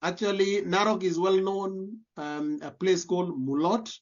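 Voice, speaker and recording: A Kenyan diaspora community leader, appearing as a guest, answers interview questions in a high, fairly even voice at a measured pace. His Kenyan accent is clear, and he earnestly repeats words while searching for phrasing; the audio is dull and lo-fi.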